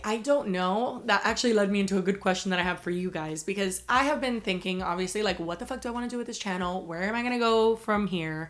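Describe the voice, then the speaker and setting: A woman in her twenties telling stories to camera in a casual, animated, rambling way, swearing freely. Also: mid-range voice. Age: 20s. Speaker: YouTube vlogger. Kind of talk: casual chatty storytelling Q&A to camera. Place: small furnished room indoors.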